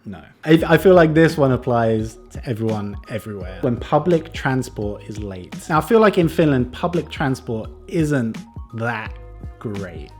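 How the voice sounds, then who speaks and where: A young man chatting casually on his vlog, self-deprecating and jokey, dropping into quiet mutters for his asides. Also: mid-range voice, lively intonation, normal speed, faint music behind. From Britain. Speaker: YouTuber reacting to a book.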